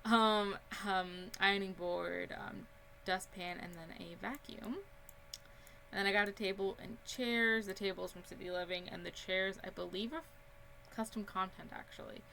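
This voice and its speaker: A young woman, a Sims gaming YouTuber, casually tours a house she built in a life-simulation game, chatting and rambling with lots of ums. Her mid-range voice is gravelly, pushed and bright, with a steady tone and moderate pace. There's slight background noise.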